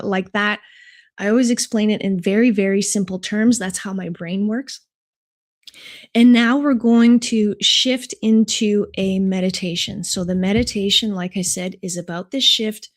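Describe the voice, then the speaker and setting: A woman's voice: medium pitch, normal speed. A woman chatting casually and animatedly to live viewers as the host of a meditation session.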